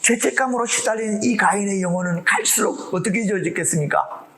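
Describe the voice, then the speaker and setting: Gravelly animated preaching man. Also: sits high, fairly quick, low-quality recording. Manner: animated preaching, acts out quoted voices, rhetorical questions. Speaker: pastor. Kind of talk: sermon.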